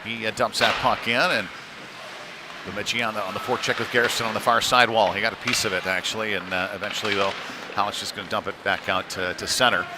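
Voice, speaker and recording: Speaking fast in a lowish voice with fairly even intonation, a man commentates a live amateur hockey game. The delivery is conversational and a little hesitant, and the arena around him is noisy.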